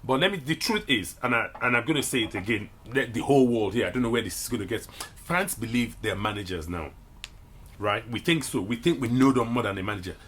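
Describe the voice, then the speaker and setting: A man's voice: mid-range voice, lively intonation, quick pace, a bit bright, a little hiss or hum. A man in a casual football discussion, talking emphatically and repeating himself to press his points. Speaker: football pundit. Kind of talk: casual sports chat.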